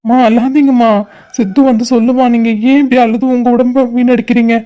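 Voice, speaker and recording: A woman's voice: on the high side, level tone, a little fast, dark tone, dull audio, close to an everyday voice. A woman voicing an anxious cartoon brother. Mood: anxious consoling. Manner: urgent, questioning, consoling. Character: anxious young man, the girl's brother. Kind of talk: cartoon drama voice acting.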